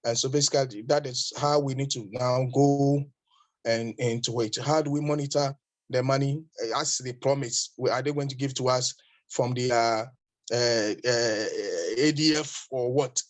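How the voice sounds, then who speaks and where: Earnest male panelist, halting with fillers, video call. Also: medium pitch, fairly even intonation. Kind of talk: online panel discussion.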